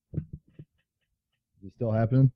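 A man's voice: mid-range voice, fairly even intonation, slow pace. A man in casual chat as a podcast co-host, in lo-fi sound.

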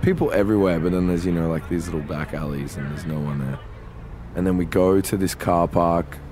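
Lowish voiced aussie guy on a podcast, telling a story, swearing a lot and doing everyone's lines. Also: brisk, slight background noise. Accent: Australian. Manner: animated, swears freely, acts out quoted dialogue. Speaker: podcast co-host. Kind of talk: casual storytelling chat.

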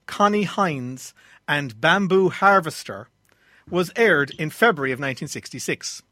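A man's voice: sits high, bright, forceful tone, dry recording, clean studio sound. An Irish-accented man presenting a radio quiz show as its host. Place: radio studio.

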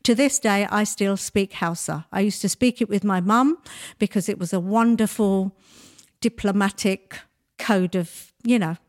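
A woman in her sixties, raised in Nigeria with Bengali as her first language, tells childhood stories as a guest in a casual interview. Her medium-pitched voice is unhurried, and she is a lively storyteller who laughs often.

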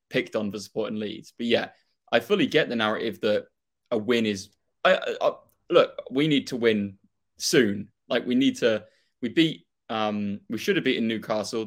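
A young man with a Norfolk accent chatting casually and opinionatedly about football as a fan, in a rambling way. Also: lowish voice. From Norfolk, England.

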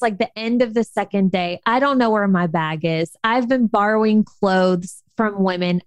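A young adult woman telling a story in a casual, animated chat, with lots of restarts. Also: a little high, no echo. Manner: animated, chatty, many restarts.

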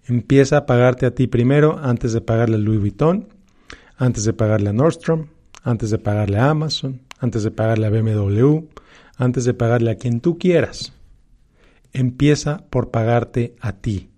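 In a motivational talk on personal finance, a man with a Mexican accent advises his audience emphatically, circling back to key phrases again and again. He keeps a moderate pace and a mid pitch, his tone easygoing and soft-edged.

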